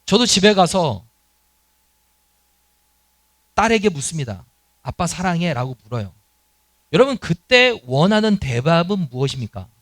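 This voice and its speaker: A man's voice: a little high, sing-song, normal speed, dry recording. A middle-aged man preaching a sermon as pastor in a church, earnest, and acting out the quoted lines of dialogue. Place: church sanctuary.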